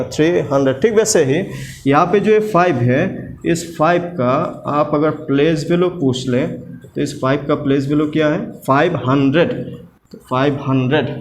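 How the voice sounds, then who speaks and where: Patient male maths tutor, slightly high voice. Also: slight background noise. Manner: asks questions and answers them himself, repeating steps; mixes English maths terms into Hindi. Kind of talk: explaining a maths lesson.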